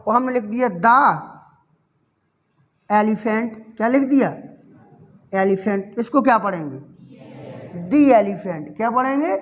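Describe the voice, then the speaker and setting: A man's voice: very high-pitched, a bit bright. A male English grammar teacher giving a classroom lecture, asking the class questions over and over, answering them himself, and fondly calling his students child.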